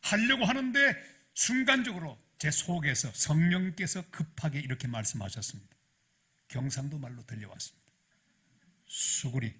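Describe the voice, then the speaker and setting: A middle-aged man preaches a sermon, telling his story with lively, animated delivery that swells into loud emphasis. His voice is husky and bright, sitting a little high for a man. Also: normal speed. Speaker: pastor.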